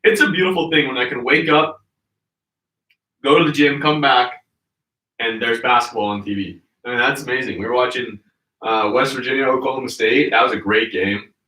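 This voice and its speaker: A man's voice: medium pitch, steady tone, normal speed, bright, forceful tone, echoey room, distant mic, low-quality recording. A man hosting a sports podcast in casual, rambling chat with lots of fillers. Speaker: podcast host.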